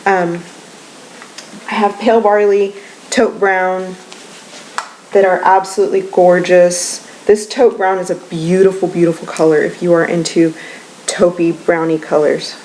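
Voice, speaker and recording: A woman's voice: fairly low pitch, flat delivery, unhurried, a little mellow, a little hiss or hum, poor audio. A young woman beauty vlogger chatting casually at home, gushing and rambling with many ums. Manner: gushing and enthusiastic. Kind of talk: casual beauty monthly favorites vlog. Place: at home with children nearby.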